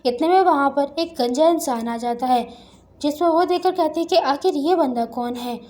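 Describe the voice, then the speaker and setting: A woman reads out a comic story recap in a steady, scripted way. Her voice sits high, and the tone is mellow rather than bright. She quotes the characters in her own voice without acting them. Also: moderate pace. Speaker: recap narrator.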